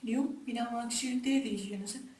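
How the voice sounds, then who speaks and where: A man voicing Radha, an anxious young woman on the phone, pleading in a high, thin voice. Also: steady tone, fairly quick, darkish tone, echoey room.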